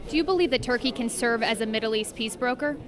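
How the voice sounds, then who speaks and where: Woman, slightly high pitch, formal interviewer, noisy crowd in background. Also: fast. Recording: busy crowd noise behind voice.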